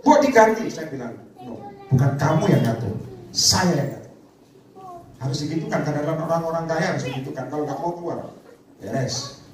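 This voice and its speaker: A man's voice: fairly high pitch, fairly quick, long pauses. A man preaching a sermon to a congregation, calling out for responses. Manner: animated, calls out to the congregation for responses. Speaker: evangelist preacher. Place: church prayer meeting hall. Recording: echoey hall, distant mic, faint noise.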